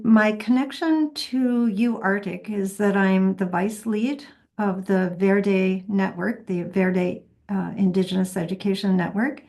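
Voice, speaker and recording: A woman gives a measured introduction as an academic panelist on a video call. Her mid-pitched voice is mellow and relaxed, with a creaky fry and an even melody.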